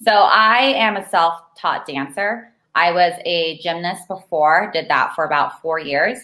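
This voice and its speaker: Her voice is lowish, pushed, and bright, and she talks a little slowly. She's a young woman from Argentina raised in California, chatting casually as a guest, leaning heavily on "like" and laughing easily in an echoey room.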